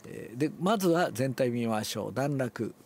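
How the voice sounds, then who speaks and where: An older man, relaxed and musing aloud, explains a classical Japanese text before reading it aloud and demonstrates with his voice. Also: medium pitch, moderate pace, a little hiss or hum. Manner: relaxed, talks to himself, demonstrates accents aloud. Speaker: reading teacher.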